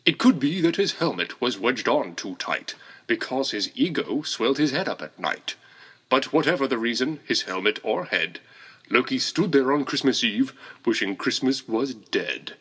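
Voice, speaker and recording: Animated man reading a rhymed story. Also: medium pitch, moderate pace, husky. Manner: playful, sing-song rhyming delivery.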